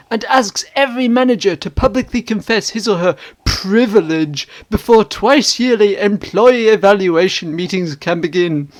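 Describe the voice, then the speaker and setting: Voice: medium pitch, voice pushed up, lightly acted. A performer playing a hammy, indignant stage actor, declaiming internet comments in a grandiose, theatrical way. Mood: outraged. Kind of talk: dramatic reading of internet comments.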